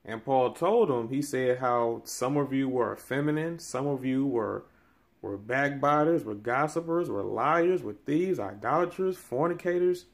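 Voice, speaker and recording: A man in his thirties gives earnest Bible-teaching commentary in a preacherly style, his mid-range voice rising in pitch and force on key phrases. He speaks a little slowly, recording on a phone camera held close in a small indoor room by window blinds.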